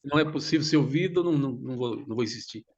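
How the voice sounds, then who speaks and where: A man's voice: mid-range voice, rapid-fire, slightly rough. A man joins an online study group from a hotel room, hesitant and repeating words while his connection keeps cutting out. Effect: choppy online connection that keeps breaking up. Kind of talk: casual call-in remarks. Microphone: online video call. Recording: dull, lo-fi call audio cutting out.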